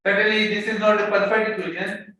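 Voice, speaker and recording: A man lectures an economics class, explaining step by step and mixing English with Hindi-Urdu phrases, often repeating words while searching for the next one. His high voice is level, fast, pushed and bright. The room is very echoey, the mic far off, with faint background noise.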